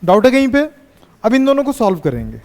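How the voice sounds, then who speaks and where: A man teaching a physics class, teasing his students and pushing them to answer quickly. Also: extremely high pitch, huge pitch swings, a little mellow, long reverb tail.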